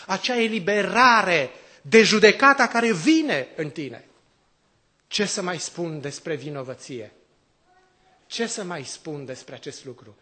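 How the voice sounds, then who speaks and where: High-voiced male preacher asking rhetorical questions. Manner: swings between loud exclamations and quiet drops. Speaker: priest. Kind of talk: sermon.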